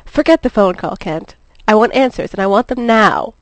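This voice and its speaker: Lois is a brash, impatient newspaper reporter, voiced by a woman reading her own fan fiction aloud. She snaps out sharp, sarcastic demands. Her pitch is middling and the sound is dry and close. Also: a little fast, no room sound, close to an everyday voice, low-quality recording. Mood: demanding.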